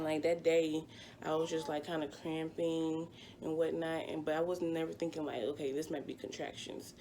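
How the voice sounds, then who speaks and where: A woman in her twenties, a vlogger, chats through a personal storytime in a low-sitting voice with a dark tone and slight background noise. She's chatty and rambling, and her speech is full of fillers.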